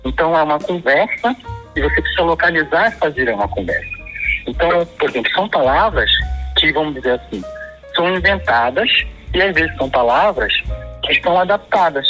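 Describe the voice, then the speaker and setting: A man's voice: a little high, animated, brisk, bright, forceful tone, soft background music, rough recording. A man with a Paraense Brazilian Portuguese accent, explaining regional slang at length in a casual chat. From Pará, Brazil. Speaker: guest discussing slang.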